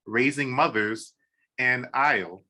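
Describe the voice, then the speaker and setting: A man's voice: mid-range voice, slow pace, bright, forceful tone, a little hiss or hum. A man hosting a poetry podcast interview over a video call, enthusiastic, with many "um"s and repeated "awesome". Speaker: podcast host.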